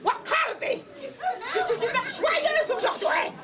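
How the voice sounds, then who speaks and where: A woman voicing a cruel, greedy ogress mother who shouts and gloats in drawn-out boasts. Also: very high voice, sing-song, a loud crowd, pitched above the performer's own voice, heavily acted. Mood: gloating.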